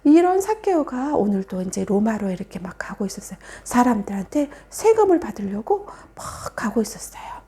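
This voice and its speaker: A woman telling a Bible story to children as a sermon, animated, often dropping to a soft whisper for emphasis. Her voice is high and mellow, and her pitch swings widely. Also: normal speed, few pauses. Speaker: children's Sunday school preacher.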